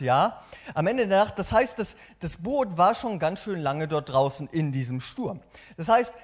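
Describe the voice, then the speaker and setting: A young man preaching a sermon, chatty and lively, often checking in with his listeners. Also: high voice. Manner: lively, animated, chatty asides with frequent "ja?". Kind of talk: sermon with dramatic Bible reading.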